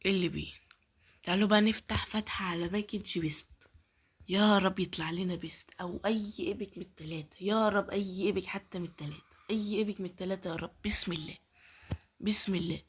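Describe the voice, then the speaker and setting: A woman's voice: mid-range voice, steady tone, fast, breathy edge. A woman with an Egyptian accent giving casual gameplay commentary, pleading and muttering prayers, often dropping to a whisper. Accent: Egyptian Arabic. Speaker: gaming YouTuber.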